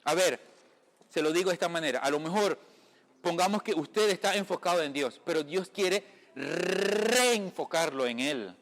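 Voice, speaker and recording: Man, from the Caribbean, informal sermon, chatty preacher, somewhat high-pitched, long room reverb. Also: lively intonation, moderate pace, fairly bright tone. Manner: conversational, often asks listeners if they follow; addresses listeners as brother. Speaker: lay preacher.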